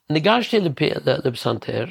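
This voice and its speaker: A man, guest composer, telling a story in a halting way, often searching for words and restarting. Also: a little high, gravelly, breathy edge, no echo, studio quality. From Williamsburg, New York. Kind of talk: casual storytelling interview.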